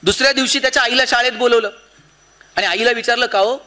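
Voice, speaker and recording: A man's voice: fast, pushed and bright. A man giving a motivational lecture to parents and teachers, impassioned and emphatic, acting out the dialogue in his stories. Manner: impassioned, rising to emphatic peaks then dropping low; acts out quoted dialogue in anecdotes. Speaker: public speaker.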